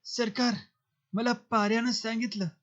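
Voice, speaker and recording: A man's voice: very high-pitched, flat delivery, moderate pace, a bit bright, muffled recording, voice pushed up. A man doing a pleading old beggar.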